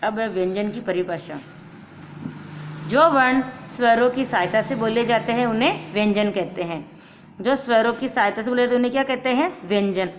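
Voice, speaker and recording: Teacher, woman, fairly high voice, slow and patient with small children, repeats and quizzes. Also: dull audio, slight background noise. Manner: slow, repeats each point and asks the class to answer. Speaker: primary school teacher. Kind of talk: recorded Hindi grammar lesson for young children.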